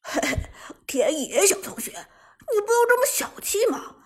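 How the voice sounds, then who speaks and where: A woman's voice: extremely high pitch, very animated, measured pace, voice pushed up, heavily acted. A woman voicing a chubby, playful teenage boy who teases in a mocking tone. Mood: teasing. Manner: teasing, mocking.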